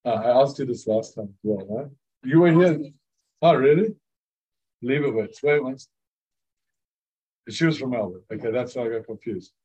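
A male rabbi with a husky, somewhat mellow mid-range voice speaks at normal speed, taking long pauses, and the recording quality is poor. He's lecturing students casually in person, with many "like" fillers and frequent questions aimed at the room.

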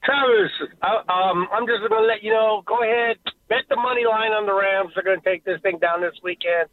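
A middle-aged man calls in over the phone, his voice thin and boxy through the tinny line. He sits high for a man and sounds upbeat and sure of himself as he offers his tip. The phone filtering strips out the low end. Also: brisk, no echo. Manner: upbeat, confident tipster. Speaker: radio call-in listener.

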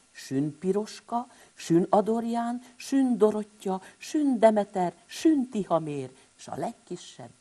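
Husky woman reading a lively bedtime story. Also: on the low side. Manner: animated, addresses the children directly.

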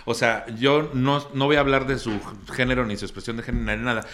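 A man's voice: medium pitch, brisk, fairly bright tone, slight background noise. A man with a Mexican accent telling a comic story on a podcast, ranting and swearing freely. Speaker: podcast host.

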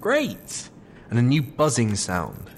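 A man's voice: mid-range voice, wildly swooping pitch, takes it slowly, a little hiss or hum, exaggerated voice. An actor with a British accent playing a lazy, sarcastic male captive, dismissive and drawling. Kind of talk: audio drama acting.

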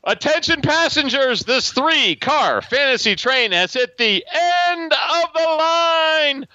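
A man playing a train conductor making an announcement over the intercom, stretching the words out in a high announcer's sing-song. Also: expressive, slow, bright, forceful tone, no echo, dull audio, heavily acted. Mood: announcing. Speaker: podcast co-host.

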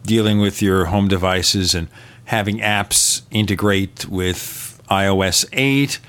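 A man's voice: low voice, steady tone, takes it slowly, fairly bright tone. Man hosting a casual tech podcast. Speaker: podcast host. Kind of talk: casual interview chat.

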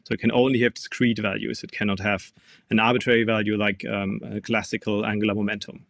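A man's voice: fairly low pitch, little pitch movement, fast talker, gravelly, fairly bright tone, no echo, studio quality. A man with a German accent, a physics professor, explaining carefully as an interview guest with frequent ums.

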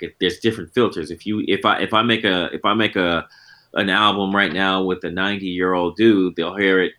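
A guest musician in his forties gives a casual interview, laid-back and reflective, often circling back on his thoughts. His voice is low, pushed and bright.

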